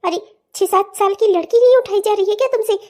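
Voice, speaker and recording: A woman's voice: very high voice, fast, warm tone. A woman voicing a cruel, greedy young mother in a cartoon who talks slyly and gloats. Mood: harsh, threatening. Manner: sly and gloating, snapping into harsh threats. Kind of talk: cartoon voice acting.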